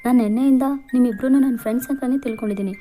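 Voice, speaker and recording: A woman's voice: on the high side, fairly even intonation, racing, soft background music, lightly acted. A woman voicing a friendly young man trying to befriend two college girls in an audio story. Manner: warm, inviting.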